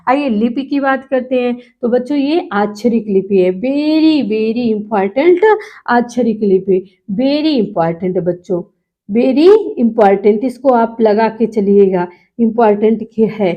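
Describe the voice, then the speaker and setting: A woman's voice: fairly high pitch, moderate pace. A woman teacher giving a lecture, asking the class questions and answering them herself, and stretching out key words for emphasis. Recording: muffled lo-fi recording.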